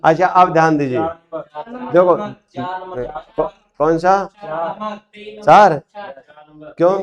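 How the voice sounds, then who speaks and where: A man's voice: fairly high pitch, steady tone, takes it slowly, muffled recording. A man teaching a class, prompting students with questions in a classroom. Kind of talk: classroom grammar lesson.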